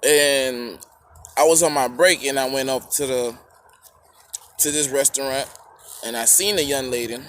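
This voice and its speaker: A man telling a rambling personal story to camera, halting with fillers and restarts, eating while he talks. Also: medium pitch, a little hiss or hum.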